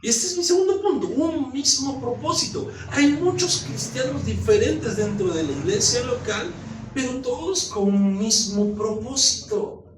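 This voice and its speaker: Middle-aged male pastor, high-pitched sermon voice picked up from a distance in a reverberant church hall, with faint background noise. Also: a little slow. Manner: lively, joking, asks rhetorical questions. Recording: echoey room, mic at a distance.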